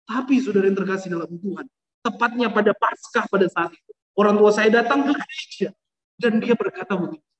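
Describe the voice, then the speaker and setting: A man's voice: high voice, brisk. Fervent preaching man in an echoey hall. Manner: fervent, keeps addressing the listeners directly, swings between loud and soft. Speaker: preacher giving a conversion testimony. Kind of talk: impassioned sermon testimony.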